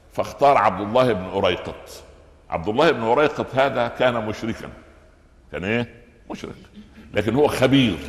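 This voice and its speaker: A man with an Egyptian accent preaches a sermon, animated and story-driven, tossing rhetorical questions at the crowd. His voice sits at an ordinary pitch. It rings through a big roomy hall with a long reverb tail. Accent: Egyptian Arabic. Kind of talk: sermon explaining Quran commentary.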